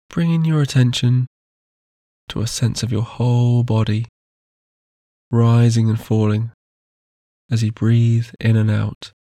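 Male sleep-meditation guide: soft, unhurried, warm and low-key, close and dry. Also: no room sound. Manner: slow, soft and soothing.

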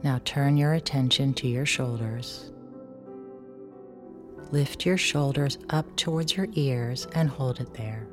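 A woman guiding a sleep relaxation like a sleep story narrator, giving soothing, unhurried instructions with gentle pauses. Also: a bass voice, over music.

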